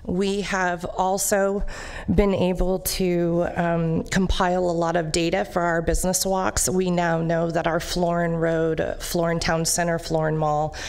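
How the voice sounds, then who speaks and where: A woman's voice: on the low side, flat delivery, a little slow, gravelly, darkish tone, clear, resonant tone. A woman representing a business district, giving an upbeat, proud presentation with fillers to a county board in a meeting chamber at a podium microphone. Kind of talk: public presentation at a government meeting.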